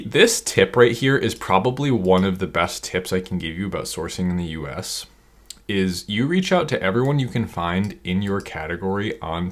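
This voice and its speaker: A man with an energetic, rambling manner, coaching online sellers through a screen-share tutorial. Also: low voice. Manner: energetic, rambling, self-interrupting.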